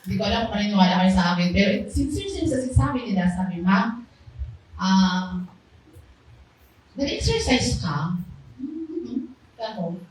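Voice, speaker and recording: A woman giving a lively, loud testimony to a small church congregation in a casual, animated manner. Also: medium pitch, normal speed, pauses often. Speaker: church speaker sharing a testimony. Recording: very echoey hall, voice far off, faint background noise.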